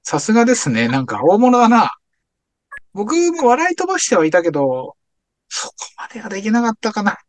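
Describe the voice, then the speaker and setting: A man co-hosting a casual podcast chat, talking in a laid-back, self-deprecating way with many soft agreeing fillers. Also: sits high, big pitch swings, a little fast. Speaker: podcast co-host.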